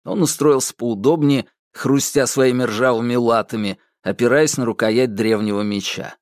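A man narrating a fairy tale audiobook, expressive and acting out voices. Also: medium pitch, normal speed, no room sound, clean studio sound. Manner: expressive storytelling, acts out voices.

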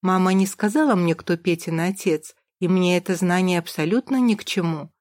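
Female audiobook narrator, first person, dramatic delivery, low register, dry. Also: moderate pace, darkish tone, dry recording. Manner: dramatic, vivid storytelling.

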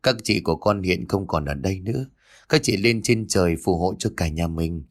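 A man's voice: lowish voice, expressive, moderate pace. A man voicing a worried mother who snaps at her husband and soothes her son. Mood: soothing. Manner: scolding, soothing. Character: worried mother, sharp-tongued then tender.

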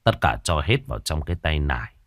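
A man doing a grave, hushed mandarin father. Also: big pitch swings, no room sound, studio quality, heavily acted. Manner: low, hushed and measured.

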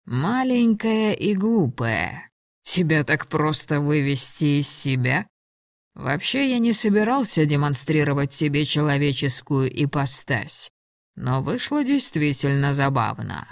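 Audiobook: a woman voicing a low, sardonic male dragon lord, dry booth. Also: sing-song, measured pace, no room sound, full character voice. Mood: mocking. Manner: sardonic, teasing. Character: mocking male dragon lord in human form. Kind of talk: audiobook dialogue reading.

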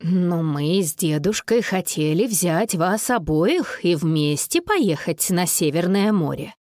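Woman doing a calm, firm mother. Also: no room sound, studio quality. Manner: lower, measured, soothing. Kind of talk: audiobook character voice.

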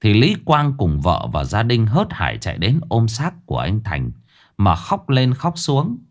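A man's voice: lowish voice, wildly swooping pitch, a little slow. A man narrating a ghost story in a theatrical, swinging way. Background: faint music.

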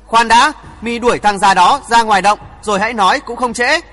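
A man's voice: extremely high pitch, fairly quick, sharp tone, in a large hall, faint music behind. A man reading aloud, voicing a cold, proud old woman hermit of the martial world who speaks in curt, commanding words. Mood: cold, scornful.

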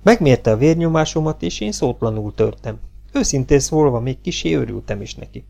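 A man reading an audiobook aloud in a dry, deadpan storytelling manner. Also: mid-range voice, creaky, highs cut off. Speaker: audiobook reader. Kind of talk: audiobook narration.

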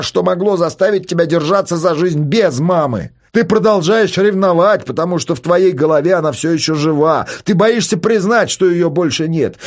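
Guy reading as the pushy son, high and jumpy, needling his dad. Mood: pressing. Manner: provoking, needling, later shouting. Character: adult son, provocative therapist, needling and intense. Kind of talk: audiobook character voice.

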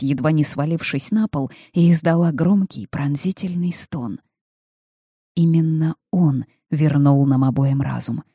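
Mellow, husky audiobook narrator. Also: mid-range voice, dry recording, studio quality.

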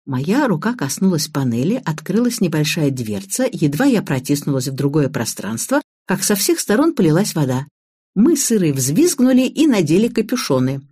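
A woman narrating an audiobook in the first person, in a lively, expressive way. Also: sits low, moderate pace, husky.

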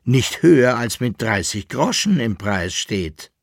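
Here is a brash, impudent servant who scolds his master in a high, shrill, cheeky voice, loud and pushy in every phrase, as a male reader puts him on. It sits close and dry, at a slow, dragging pace. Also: big pitch swings, dry recording.

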